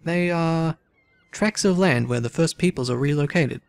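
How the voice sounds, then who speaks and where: A man voicing a composed, frank woman in a text adventure game, read calmly and plainly. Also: a little high, normal speed, vocal fry, smooth. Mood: earnest.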